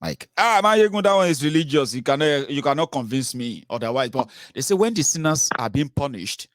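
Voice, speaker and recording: Speaking a little fast with lively intonation, a Nigerian-accented man hosts a political call-in show, offering emphatic, conversational commentary peppered with rhetorical questions and tags. His medium-pitched voice is fairly bright, and the studio-quality recording is dry.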